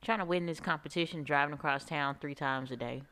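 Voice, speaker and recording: Low-voiced woman telling casual stories. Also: a little fast. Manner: relaxed storytelling, quotes herself. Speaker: podcast co-host. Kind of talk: casual chat.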